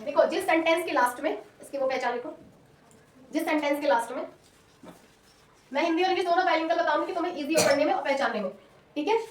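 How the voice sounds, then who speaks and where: Woman tutor, high voice, quick talk, sore throat, classroom drilling. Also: slight background noise. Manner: loud, repetitive drilling, call-and-response. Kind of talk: classroom lesson with call-and-response. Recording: echoey room, mic far off.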